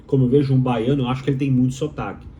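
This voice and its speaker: Very fast but steady in tone, this medium-pitched man has a warm sound with the highs cut off and slight background noise. A doctoral student from Minas Gerais, he speaks Mineiro Brazilian Portuguese in an opinionated explainer, emphatic and rhetorical, repeating what matters most.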